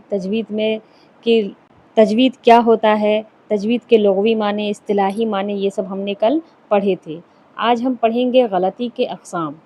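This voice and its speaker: A woman teaches a recitation lesson at a medium pitch. She poses questions and answers them herself, and she slows down to draw out each example word. The recording sounds slightly dull and lo-fi. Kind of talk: classroom-style lesson with questions to listeners.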